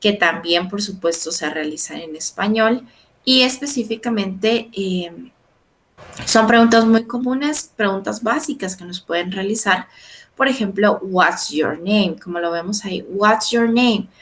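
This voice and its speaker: Patient woman teaching English. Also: medium pitch. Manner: explanatory, frequent checks like "¿verdad?" and "¿sí?"; slows down to pronounce English phrases. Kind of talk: online class lecture.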